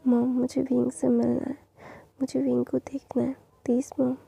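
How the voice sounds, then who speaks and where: A woman voicing a remorseful young man who begs his mother, in a hoarse whisper. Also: sits high, monotone, normal speed, mellow, full character voice. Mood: pleading. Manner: pleading, apologetic.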